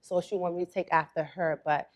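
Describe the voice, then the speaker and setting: A young adult woman from Florida, a spa owner, chatting as an interview guest in a relaxed, storytelling way. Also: fairly low pitch, fairly quick. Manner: relaxed storytelling, quotes her mother. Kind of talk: casual interview talk.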